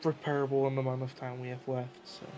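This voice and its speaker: A man's voice: mid-range voice, completely flat delivery, fast talker. A man co-commentating a sim race live, adding analytical details about gaps and pit stops. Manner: analytical, adds reference details. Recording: loud engine noise on stream. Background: race car engine noise.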